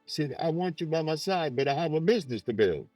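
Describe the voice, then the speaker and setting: A man in an archive interview clip, telling a story and retelling dialogue in a plain, unhurried way. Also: a little high, lively intonation, a little mellow, dry recording, faint music behind. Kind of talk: casual storytelling.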